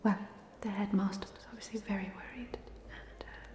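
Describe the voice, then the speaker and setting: A woman's natural, medium-pitched voice, fairly even in intonation and moderate in pace, whispers hesitantly and rambles gently. She's playing the polite, chatty ghost of a drowned student in an ASMR roleplay, her mood wry and resigned.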